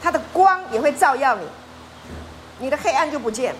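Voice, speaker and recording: A woman's voice: high voice, brisk, slight background noise. A woman pastor preaching a sermon, often asking her listeners questions. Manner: lively, asks the congregation questions.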